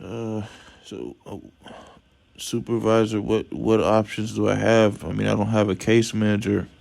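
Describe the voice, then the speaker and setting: A man's voice: fairly low pitch, level tone, unhurried, creaky, a little mellow. A man calling customer service as a member, speaking hesitantly but persistently. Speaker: customer on a call. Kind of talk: customer service phone call.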